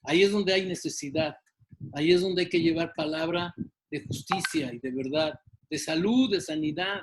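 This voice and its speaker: A man with a notably high voice speaks as an interview guest. He talks slowly and emphatically like a preacher and stumbles on fillers now and then. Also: slight background noise, low-quality recording. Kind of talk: exhortation in an interview.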